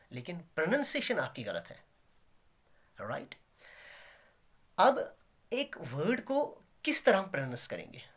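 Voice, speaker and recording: A man's voice: on the high side, a bit bright, husky. A man with a Kashmiri accent teaching English letters and sounds in a classroom-style lesson, repeating key words and pushing hard on his examples. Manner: explains slowly, repeats key words, rises emphatically on examples.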